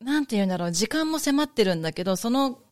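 A woman's voice: fairly high pitch, lively intonation, very fast, darkish tone. A woman, a guest chatting casually and cheerfully in an interview, laughing often. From Osaka, raised in Kyoto.

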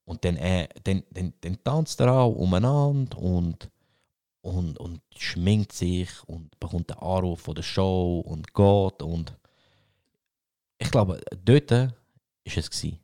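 A young Swiss man with a low, gravelly voice and a Swiss German accent. His tone is dark and mellow, and he talks in an excited, casual way, full of swearing and repeated words. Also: takes it slowly. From Switzerland. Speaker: podcast host. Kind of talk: casual film talk.

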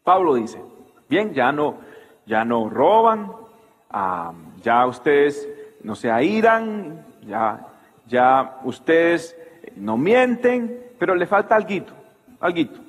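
A man preaching a sermon as pastor, animated and full of rhetorical questions, in a church hall. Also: fairly high pitch, slow, breathy edge.

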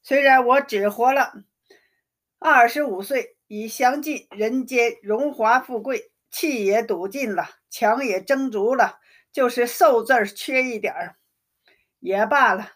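A woman reading aloud and voicing a proud, sharp-tongued young noblewoman in her twenties, brusque and resigned. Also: a little high, measured pace. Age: 20s.

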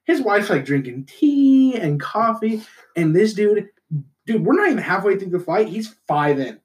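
A man's voice: high voice, moderate pace. A young man from Utah co-hosting a podcast, telling stories in casual chat and acting out what other people said. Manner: animated storyteller who acts out other people's lines. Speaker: podcast co-host.

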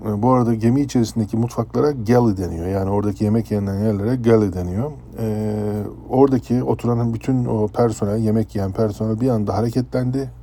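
Man, from Turkey, casual storytelling, deep, husky, very dark tone. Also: quick pace, few pauses. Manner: conversational, animated when telling dramatic parts. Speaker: former ship's chef.

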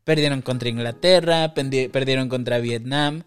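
A young man with a Mexican Spanish accent, co-hosting a casual podcast chat, slangy and quick to laugh. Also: mid-range voice, clear, resonant tone, faint music behind. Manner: slangy, laughs often, acts out quotes. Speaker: podcast co-host.

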